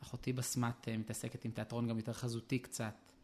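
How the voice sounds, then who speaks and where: Man, puppeteer, soft-spoken, hesitant, mid-pitched voice. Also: completely flat delivery. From Israel. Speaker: puppeteer and theatre director. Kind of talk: interview and puppet show patter.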